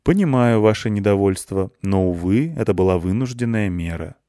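A patient, formal director, as a male narrator voices him, speaking in measured, courteous sentences. The voice is low and dry, set close with no reverb. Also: expressive, mellow, lightly acted. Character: calm, polite, morally compromised school director.

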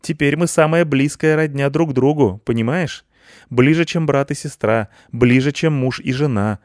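A man voicing an emotional, clingy eighteen-year-old girl who speaks in a nervous, pleading way, with his pitch raised well above his own. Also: normal speed, darkish tone, no echo, clean studio sound, close to an everyday voice. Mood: nervous excitement.

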